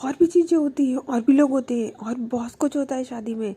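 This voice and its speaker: A woman voicing a bossy older female relative who scolds two young women loudly in a high voice. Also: very animated, moderate pace, vocal fry, slightly rough, heavily acted. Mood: scolding. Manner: loud, scolding, high-pitched.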